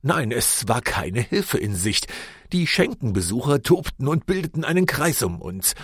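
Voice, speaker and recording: Husky man narrating an audiobook dramatically. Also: mid-range voice, sing-song, moderate pace, no room sound, studio quality. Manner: dramatic reading, voicing shouted lines. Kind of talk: scripted first-person narration.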